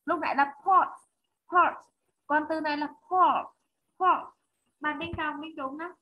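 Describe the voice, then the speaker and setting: Slow high-voiced woman teacher. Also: steady tone. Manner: slow repeated drilling of single words, clear enunciation. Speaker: English teacher for children. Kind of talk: online class drilling vocabulary. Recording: muffled lo-fi online call audio.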